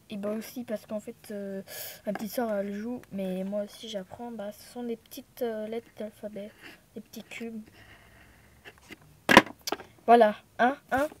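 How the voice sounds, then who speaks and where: Une jeune femme originaire de Thaïlande, bavarde et dispersée, pleine d'hésitations et d'excuses, filmée au téléphone dans son appartement. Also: female voice, mid-range voice, steady tone, moderate pace, heavy background noise. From Thailand. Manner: chatty, scattered, lots of fillers and apologies. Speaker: vlogger. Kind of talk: casual chat to camera. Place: apartment room at home. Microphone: phone held in hand.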